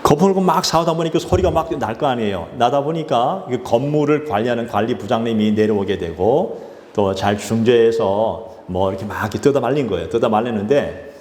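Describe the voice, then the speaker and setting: A man's voice: mid-range voice, a little mellow. A man, a pastor, telling a story in a sermon, with loose fillers and restarts along the way. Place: church sanctuary. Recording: echoey church hall with faint noise.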